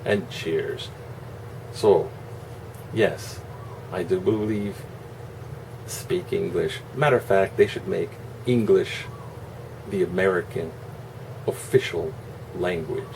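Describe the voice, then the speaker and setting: Slow, low-voiced man rambling sarcastically over hum. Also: steady tone, gravelly, a little mellow, far from the mic. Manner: rambling, sarcastic, salty asides. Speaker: online video host. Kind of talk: casual opinionated monologue. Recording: constant air-conditioner hum, noisy room.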